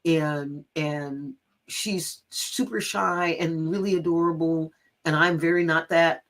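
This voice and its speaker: A middle-aged woman from Los Angeles with an American accent, telling personal stories in candid chat, blunt and animated, swearing freely and acting out quotes. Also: deep voice, takes it slowly. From Los Angeles, USA. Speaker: guest teacher telling stories.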